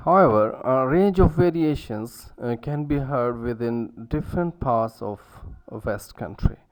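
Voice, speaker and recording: A man's voice: mid-range voice, a little slow. A man giving a university lecture, hesitant, with many fillers and restarts.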